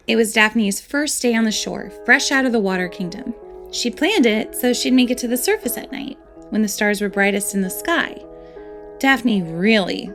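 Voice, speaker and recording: In an amateur voiced roleplay, a woman with a medium-pitched voice plays a fairy student who is playful, nerdy and excitable, telling things in a dramatic storytelling manner.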